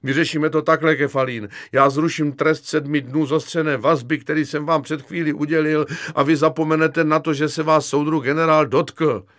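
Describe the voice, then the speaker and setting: A man's voice: no echo, clean studio sound, close to an everyday voice. A man doing a fretful, whining lieutenant. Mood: alarmed. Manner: whining, pleading, flaring into shrill panic. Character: weary, fretful army lieutenant, middle-aged man.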